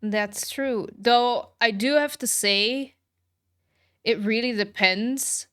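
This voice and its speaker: With music running underneath, a woman streams a game and keeps up loose, reactive banter with her viewers' comments. Her medium-pitched voice sounds clear and resonant, with a fairly bright tone.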